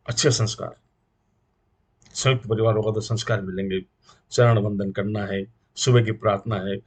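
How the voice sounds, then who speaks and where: A man's voice: lowish voice, darkish tone, husky. A middle-aged man with a Rajasthani Hindi accent, making an earnest moral appeal to the community as a guest speaker, preaching in rhythmic repeated lists. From India.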